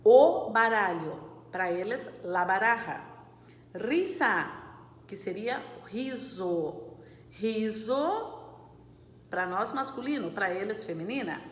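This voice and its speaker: A woman teaching a Spanish class, patiently going over exercises, reading words slowly and checking that students follow. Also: mid-range voice, expressive, roomy sound, long reverb tail. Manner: explains patiently, checks understanding with "certo?" and "né, gente?"; reads Spanish words slowly and clearly, switching into Portuguese explanations.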